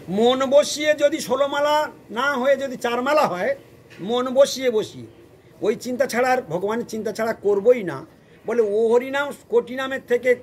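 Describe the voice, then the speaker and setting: A man with a high-pitched voice delivers a devotional sermon, half chanting and half lecturing. He breaks into sung verses and keeps putting questions to the people in front of him. A faint hum of room ambience sits under his voice. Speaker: preacher.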